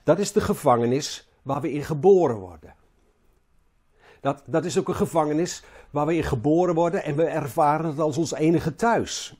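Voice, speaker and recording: Husky, mellow preacher. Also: male voice, fairly high pitch. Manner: halting, repeats words, rises and falls in emphasis. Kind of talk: sermon.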